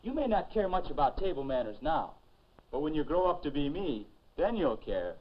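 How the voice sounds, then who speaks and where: A cheery future self giving advice. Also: male voice, fairly high pitch, very animated, moderate pace. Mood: earnest, coaxing. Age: young adult. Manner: patient, explaining, encouraging. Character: grown-up future self of a teenage boy, friendly adviser. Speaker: narrator of an etiquette film. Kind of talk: 1950s educational film narration. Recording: dull lo-fi 1950s film soundtrack.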